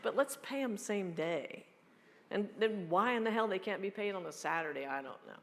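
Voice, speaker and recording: A woman in her fifties fields audience questions at a live meeting. She talks in a blunt, joking, quick way, and her voice carries a long reverb from the hall. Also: medium pitch, expressive, gravelly, a bit bright. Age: 50s. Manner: blunt, joking, fast-talking. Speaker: keynote speaker. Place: large hall.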